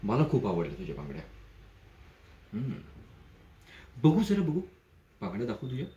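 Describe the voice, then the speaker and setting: A man playing a falsely gentle, menacing man. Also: medium pitch, normal speed. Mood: mock-gentle. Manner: soft mocking calm with sudden sharp rises. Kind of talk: dramatic monologue. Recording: echoey room, dull lo-fi sound.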